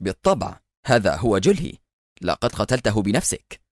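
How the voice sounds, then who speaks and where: A composed male secret agent who mocks his enemy in a low, even-keeled voice, as a man reads him in an audiobook thriller. His sarcasm stays cool and controlled. The recording is dry and close. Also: brisk, no room sound. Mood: sarcastic calm. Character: calm, mocking male secret agent hero.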